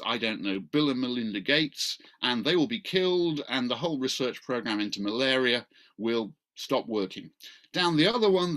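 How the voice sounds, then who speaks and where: A middle-aged law professor chairing an event introduces an online talk over a video call, speaking informally and wryly. His medium-pitched voice is a bit bright, picked up by a computer microphone in a small book-lined room at home.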